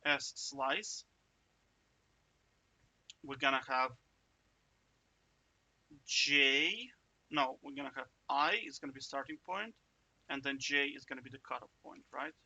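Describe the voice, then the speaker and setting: Slow-talking man walking through code. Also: mid-range voice, sharp tone. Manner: chatty, self-interrupting, jokey asides; checks in with "right?" often. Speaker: coding tutor. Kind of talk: casual screen-share coding walkthrough.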